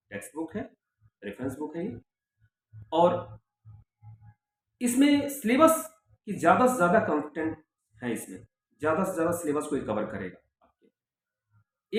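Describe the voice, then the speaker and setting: A man's voice: mid-range voice, a little mellow. A middle-aged man, a sociology professor, giving students direct, repetitive advice in a lecture. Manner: direct, repeats points with emphatic reminders. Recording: very echoey room with faint background noise.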